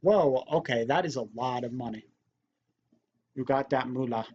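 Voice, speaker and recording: A man chatting casually and excitably through a let's play of a party board game, often saying dude. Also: medium pitch, normal speed. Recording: dull mic with faint noise.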